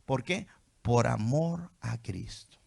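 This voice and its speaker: A man's voice: medium pitch, expressive, takes it slowly, gravelly, darkish tone, husky. A man preaching a sermon as pastor. He reads scripture aloud, then explains it with rhetorical questions and "¿sí?" checks to the congregation.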